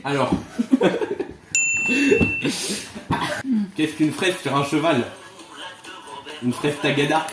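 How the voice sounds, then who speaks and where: A man's voice: a little high, fairly even intonation, measured pace, long pauses. A man telling jokes casually in a duel, trying not to laugh. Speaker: participant in a joke duel. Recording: roomy echo, guitar music behind.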